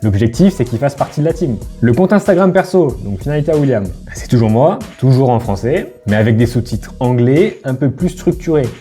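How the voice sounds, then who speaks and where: French man vlogging over soft music. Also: mid-range voice, expressive, brisk, few pauses. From France. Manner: direct, addresses viewer informally with tu. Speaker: YouTuber and brand founder. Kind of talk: scripted vlog monologue to camera. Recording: faint background music.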